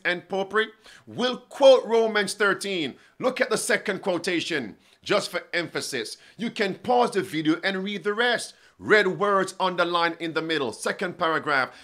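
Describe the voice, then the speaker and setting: Sitting at a desk in a bookshelf-lined indoor studio, a man in his forties preaches a prophecy sermon to camera in a slightly high voice that sounds pushed and bright. He reads quotations aloud and challenges his listeners with pointed questions.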